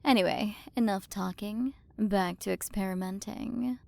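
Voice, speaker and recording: In an ASMR roleplay, a woman plays a haughty, possessive alien queen and scientist who talks down in a commanding, teasing way. Her medium-pitched voice is gravelly and her pace measured, with a smug, condescending mood.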